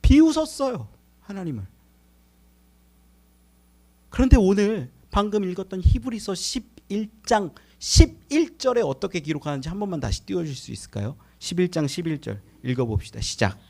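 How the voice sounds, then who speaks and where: Brief: male preacher, animated Sunday sermon, high tenor, rhetorical questions. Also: moderate pace, creaky. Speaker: pastor. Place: church sanctuary.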